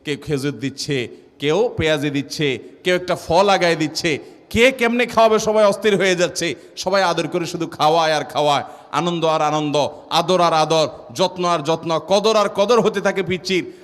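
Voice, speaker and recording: A male preacher with a colloquial Bangladeshi Bengali accent delivers a storytelling sermon in a voice pitched a little high. He keeps returning to the same rhetorical question and swings between hushed, low lines and loud, raised bursts. A long hall reverb trails after each phrase. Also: normal speed.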